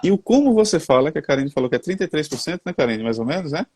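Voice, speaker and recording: Racing along in a sing-song, slightly mellow voice on the high side with a breathy edge, a man with a Brazilian Portuguese accent chats about communication. Talking through headphones, he's chatty and folksy, calling the audience "gente" and "cara".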